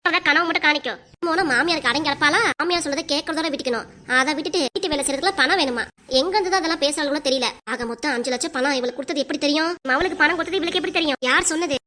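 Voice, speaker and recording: A scheming older mother-in-law from a cartoon, as a woman puts her on, scornful and mocking as she mutters to herself. The voice sits high and bright, and the words come out fast. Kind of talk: cartoon voice acting.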